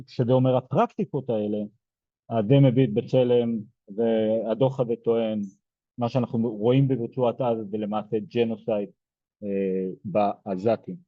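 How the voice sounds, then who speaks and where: Soft spoken guy from israel lecturing, lots of uh and restarts, dry muffled sound. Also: medium pitch, no echo. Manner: hesitant, many fillers and restarts; soft-spoken, hard to hear. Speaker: genocide studies lecturer. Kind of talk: explaining lecture.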